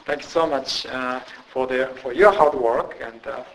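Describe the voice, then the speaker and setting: A Japanese man with a Japanese accent, a missionary, preaches a sermon in a church using halting, self-deprecating humor. His voice is mid-range and fairly bright, and the recording is rough.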